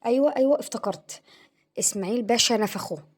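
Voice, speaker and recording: A woman's voice: on the high side, quick pace, slightly rough. A woman playing a cheeky, scheming schoolboy son with an Egyptian accent who rambles through excuses. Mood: flustered. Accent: Egyptian Arabic. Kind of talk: comedy sketch acting.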